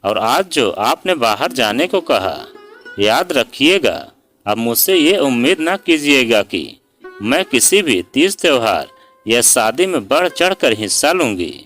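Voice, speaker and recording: A man's voice: mid-range voice, sing-song, unhurried, a bit bright, faint music behind. A man voicing a hurt, outspoken young daughter-in-law in a storybook reading, speaking sharply and sarcastically. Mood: bitter. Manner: sarcastic and pleading by turns.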